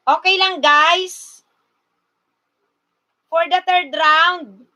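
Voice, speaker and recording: Very slow bicol woman streaming live, calling out to her viewers, super high voice. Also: fairly even intonation, sharp tone. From Bicol, Philippines. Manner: slow, coaxing, addresses viewers directly. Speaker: livestream host. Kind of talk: casual livestream chat with viewers.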